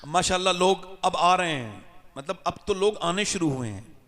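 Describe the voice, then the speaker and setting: A male preacher giving a religious sermon, telling stories softly and then rising to shouted climaxes while urging the crowd to respond. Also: high voice, lively intonation, moderate pace, in a large hall. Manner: builds from soft storytelling to shouted climaxes, coaxes crowd responses. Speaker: Islamic preacher. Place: large gathering with crowd.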